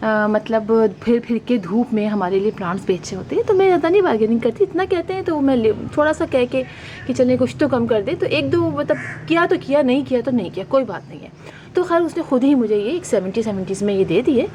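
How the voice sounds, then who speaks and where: A woman's voice: a little high, animated, brisk, a little mellow, rough recording. A middle-aged woman, chatting casually and rambling with many fillers as she shows her new plants. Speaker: gardening vlogger. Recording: faint background noise.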